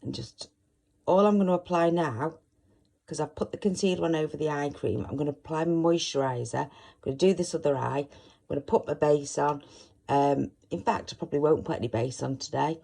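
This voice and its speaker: A croaky woman talks through her makeup routine step by step. Her voice is gravelly and husky, with a mellow, dark tone. She speaks softly and chattily as she demonstrates. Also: sits low, a little fast. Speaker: makeup tutorial host.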